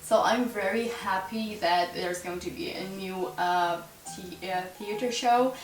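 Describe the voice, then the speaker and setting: A chatty Dutch woman from the Netherlands answers a tag as a YouTuber, talking casually to camera in a mid-range voice at a measured pace. She rambles and giggles, with many likes and ums. A distant camera mic picks her up in an echoey, roomy space, with music playing under her voice.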